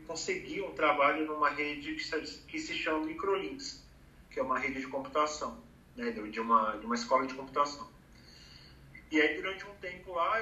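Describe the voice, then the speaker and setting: A man's voice: fairly high pitch, pushed and bright, echoey room, far from the mic, rough recording. A man in his thirties from Brazil, talking casually about career planning with many fillers. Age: 30s. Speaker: advertising professional giving career advice. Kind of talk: casual conversation.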